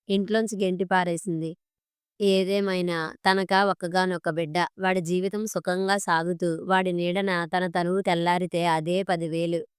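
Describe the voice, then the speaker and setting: A woman narrating a scripted story in a steady, even way. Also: lowish voice, clean tone, no room sound, studio quality. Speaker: audiobook narrator.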